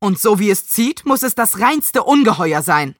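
A woman voicing an eager, bossy young boy who tells the story, raising her voice high and quick for him. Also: sing-song, no room sound, studio quality, close to an everyday voice. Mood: excited. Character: bold, excitable young boy narrator.

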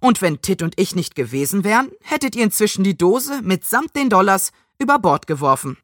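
Julie, a woman doing a sharp young girl. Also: medium pitch, big pitch swings, a little fast, no echo, studio quality. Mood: scolding. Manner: scolding, matter-of-fact.

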